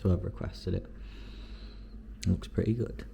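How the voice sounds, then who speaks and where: A man with a very low voice talks his viewers through his week in a relaxed, upbeat way. He sounds like he's chatting at home in his kitchen. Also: moderate pace, vocal fry, a little hiss or hum. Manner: chatty, upbeat commentary on food and training. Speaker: vlog host. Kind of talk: casual vlog narration.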